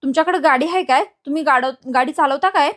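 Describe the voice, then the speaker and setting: A woman's voice: high voice, fast talker, fairly bright tone. Woman retelling as a pushy scheming young man. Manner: pushy, insistent. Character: scheming young man, a factory owner's brother.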